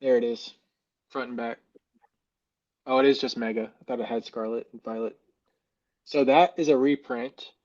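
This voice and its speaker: A man's voice: medium pitch, steady tone, moderate pace, pauses often, a little mellow. A man with an American accent chatting casually as a podcast guest, feeling for his words, his voice muffled as if underwater in a fishbowl. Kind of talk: casual chat.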